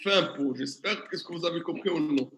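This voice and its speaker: A man's voice: a little high, brisk, fairly bright tone, slight background noise. A man teaching a classroom tutorial, questioning the class and working through examples step by step. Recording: echoey classroom.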